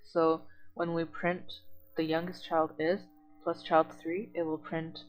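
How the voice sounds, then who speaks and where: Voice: medium pitch, level tone, measured pace, poor audio. Patient tutor walking through code. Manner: reads documentation aloud, then explains it plainly in own words. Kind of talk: online coding lesson walkthrough.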